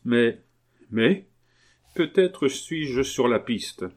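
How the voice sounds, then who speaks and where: A man reading a novel aloud, voicing an earnest, persuasive gentleman who speaks in a calm, measured way. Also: mid-range voice. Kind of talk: audiobook reading.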